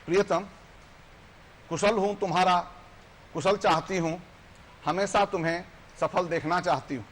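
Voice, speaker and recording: A man reciting a poem as a wronged ancient woman, speaking slowly and passionately in a TV studio. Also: high-pitched, a bit bright. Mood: pleading. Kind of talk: poetry recitation.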